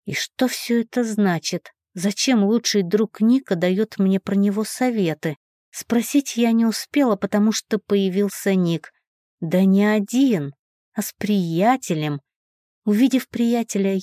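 A young woman reads a first-person novel aloud with lively, expressive phrasing. Her voice is mellow and smooth in tone. The close studio recording is dry and without echo. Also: medium pitch, measured pace. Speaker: audiobook narrator.

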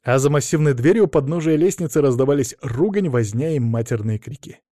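A man's voice: medium pitch, animated, a little fast, mellow, no room sound. A man narrating a first-person fantasy audiobook in a wry, ironic manner, read close to the mic.

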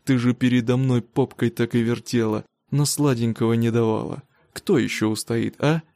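Abusive young husband in an audiobook, loud and slow, mellow voice, read by a man. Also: medium pitch, steady tone, creaky, dry recording, natural voice. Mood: furious. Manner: loud and accusing, slow emphatic delivery. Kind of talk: audiobook reading.

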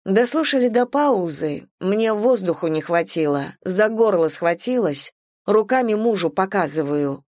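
A woman narrating a first-person short story aloud with an expressive, lively delivery. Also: lowish voice, dry recording, clean studio sound. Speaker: audiobook reader.

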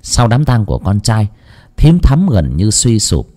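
A man telling a dramatic village story as narrator, animated and shifting into character voices. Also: lowish voice, unhurried.

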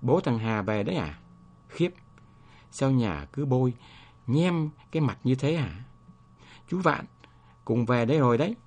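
A grieving village wife from a storybook, pleading and frightened, in a husky voice that rises and falls widely, as a male narrator puts her on. The lines ride on the same lively, breathy reading voice as the rest of the tale. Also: mid-range voice, a little slow, pauses often.

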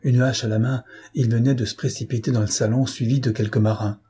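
Reading a classic novel for an audiobook, a male narrator delivers the text in a measured yet expressive way. His voice is husky and of medium pitch.

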